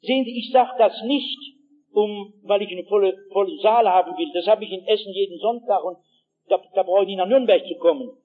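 A man, a pastor, preaching an evangelistic sermon with personal anecdotes, telling them dramatically and swinging from hushed tones to shouts while he speaks straight to his listeners. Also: high voice, a little fast, narrow, tinny audio. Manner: addresses the audience directly with asides.

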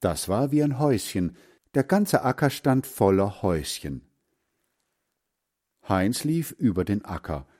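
Brief: male storybook narrator, low, warm, unhurried, lively intonation. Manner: slow, expressive reading. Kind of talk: storybook reading.

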